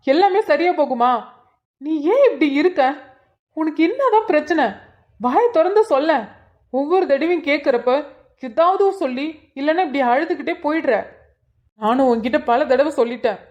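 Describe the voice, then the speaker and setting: A woman's voice: high voice, darkish tone, dull audio. A woman voicing an angry young man who scolds his sister and pleads with his friend, in a cartoon drama. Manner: pleading, accusing. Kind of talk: cartoon voice acting.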